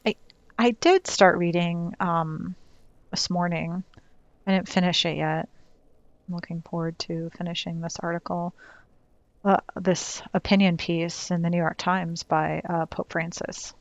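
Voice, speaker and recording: Low, gravelly-voiced woman gaming. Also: steady tone, a little slow, dry recording, highs cut off. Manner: chatty, wry, talks to the game. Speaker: streamer playing a video game. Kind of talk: casual chat while gaming.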